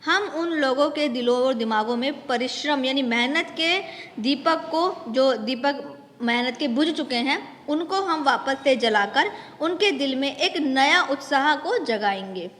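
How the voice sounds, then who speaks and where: A woman's voice: sits high, expressive, measured pace, fairly bright tone, long reverb tail, a little hiss or hum. A woman teacher going patiently through a textbook lesson for young students, step by step, slipping English words into her explanations.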